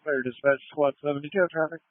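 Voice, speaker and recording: A man's voice: fairly high pitch, steady tone, fast, no room sound. A man on a fire squad, calling in short field reports to dispatch over a scanner radio. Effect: heard over a scanner radio. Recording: tinny scanner radio transmission.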